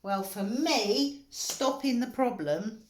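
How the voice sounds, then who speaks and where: A woman's voice: a little high, expressive, slow pace, a little hiss or hum. Earnest woman talking in an echoey room. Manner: earnest and emotional, rising to urgent, dropping to near-whisper. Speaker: wellbeing author and coach. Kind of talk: candid self-help talk. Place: indoor room, moving around.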